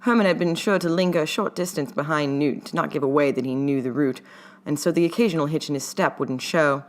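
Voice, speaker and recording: A woman with a low voice reads her own fan fiction from a script, narrating it audiobook-style as the author. She reads fairly quickly.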